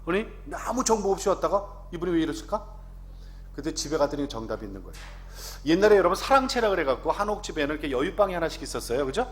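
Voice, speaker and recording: A man in his fifties, an announcer, giving a lively testimony to a congregation and often asking the audience questions. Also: fairly high pitch, quick pace, faint music behind.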